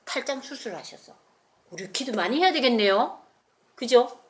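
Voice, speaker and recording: A woman's voice: a little high, normal speed, slight background noise. A woman telling a Bible story in a children's sermon and asking the children questions. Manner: animated, asks the children questions.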